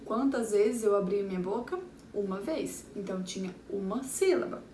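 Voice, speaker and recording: A woman's voice: medium pitch, moderate pace, warm tone. A Brazilian woman, a primary school teacher, reviewing a lesson for young children and sounding out words syllable by syllable. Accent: Brazilian Portuguese. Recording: echoey room, far from the mic, faint background hum.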